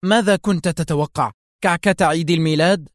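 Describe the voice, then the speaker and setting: A man's voice: fairly high pitch, brisk, no room sound, clean studio sound, voice pushed up, close to an everyday voice. A man reading aloud and voicing a fierce, determined young woman doctor who speaks sharply and urgently in a crisis. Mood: stern.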